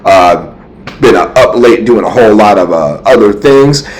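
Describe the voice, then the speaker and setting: A sleepy man with a low voice talks through his football thoughts as a show host. He rambles and restarts often, leaning on fillers as he goes. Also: animated, normal speed, low-quality recording. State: sleepy, yawning. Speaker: sports podcast host. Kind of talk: casual sports commentary.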